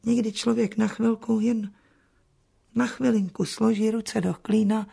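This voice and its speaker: A woman playing Marta, a gravelly old spinster. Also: fairly high pitch, flat delivery, heavily acted. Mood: rueful. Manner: dry, chatty complaining with soft asides. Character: Marta, a put-upon old spinster housekeeper, dry and grumbling.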